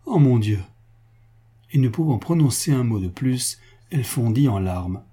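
Husky, dark-voiced male narrator. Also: mid-range voice, expressive, moderate pace. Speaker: audiobook narrator. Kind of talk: scripted narration of a novel.

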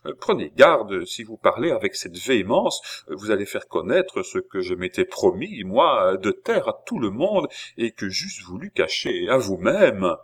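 A man's voice: on the low side, big pitch swings, measured pace, few pauses, breathy edge, full character voice. A man reading an audiobook, voicing a desperate young nobleman who pleads in impassioned bursts. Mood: pleading. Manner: impassioned, sobbing pleas.

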